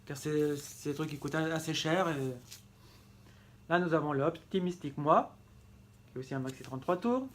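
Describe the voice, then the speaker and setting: A man with a slightly high voice walks through his record collection in a relaxed home-video manner. He talks with eager affection, repeating words and stopping to correct himself. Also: moderate pace, long pauses, a little hiss or hum. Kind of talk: casual show-and-tell vlog.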